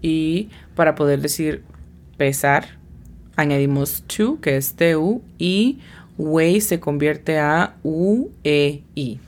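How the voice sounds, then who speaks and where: A woman whose voice sits low and sounds a little mellow teaches English slowly in a scripted lesson. She spells out how each word is pronounced, letter by letter, with patience.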